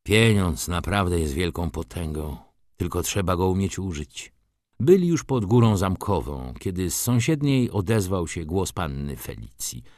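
Male audiobook narrator, very deep voice, expressive and lively in pitch, dry close recording. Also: normal speed, no echo. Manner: expressive literary reading. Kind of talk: scripted narration.

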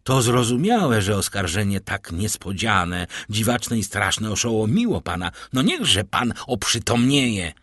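A man's voice: lowish voice, big pitch swings, unhurried, hardly any pauses, a bit bright, no echo, clean studio sound, exaggerated voice. A man reading an audiobook, voicing a stern male court president who questions insistently.

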